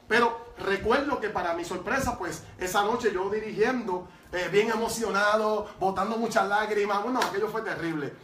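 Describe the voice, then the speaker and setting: A man telling his testimony as a preacher, lively and emphatic, with frequent fillers. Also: high voice, normal speed, hardly any pauses. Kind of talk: storytelling testimony. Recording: roomy sound from far off.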